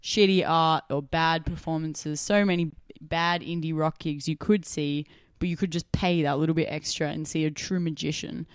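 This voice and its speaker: A woman's voice: sits low, moderate pace, clear, resonant tone, no room sound, clean studio sound. A woman co-hosting a casual radio chat, telling stories with lots of laughter. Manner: laughing, animated storytelling. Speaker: co-host.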